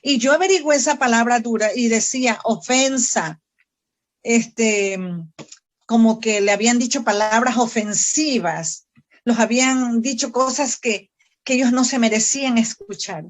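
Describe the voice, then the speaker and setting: A woman's voice: fairly high pitch, a little slow. A woman missionary teaching a Bible study, earnest and fervent, often asking her listeners questions directly. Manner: earnest, fervent preaching with prayers spoken aloud.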